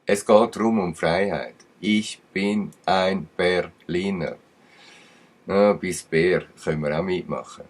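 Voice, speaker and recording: Speaking slowly in a deep voice, a Swiss German-accented man delivers channel commentary that wanders and digresses. His emphatic remarks come in uneven bursts.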